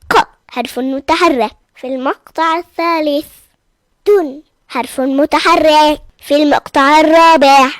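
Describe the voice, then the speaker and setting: Cartoon role: voice actor as an eager young pupil, high bright voice, careful and slow, close dry mic. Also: no room sound.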